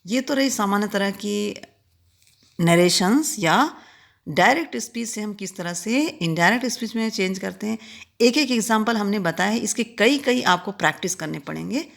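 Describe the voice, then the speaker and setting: A woman teacher with an Indian accent, explaining English grammar, reading each example sentence slowly before explaining it. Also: medium pitch, expressive. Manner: reads English examples slowly and clearly, then explains in quick Hindi.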